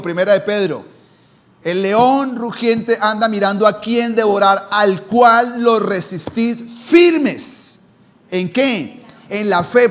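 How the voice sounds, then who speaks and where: In this sermon, a male pastor poses rhetorical questions and alternates between forceful emphasis and a quiet, low, hushed delivery.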